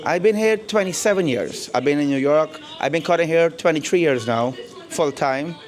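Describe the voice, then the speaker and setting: At a moderate pace and with lively intonation, a middle-aged man with a Guyanese accent discusses his barbershop in a relaxed interview inside the shop. His pitch is fairly high, and he repeats words and leans on "you know".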